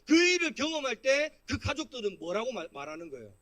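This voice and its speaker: A male pastor with a preaching a sermon at a midweek church prayer service, animated, asking the congregation questions and answering them himself. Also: extremely high pitch, fast.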